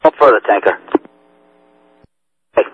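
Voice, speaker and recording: A man speaking over a walkie-talkie as a fire command officer, giving terse, clipped radio calls with brief hesitations. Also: unhurried. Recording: noisy phone-like two-way radio.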